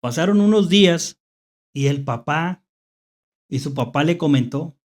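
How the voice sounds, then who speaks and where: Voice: mid-range voice, animated, measured pace. A horror story host with a Mexican accent, telling spooky tales unscripted, hesitantly repeating phrases and checking in with rhetorical questions.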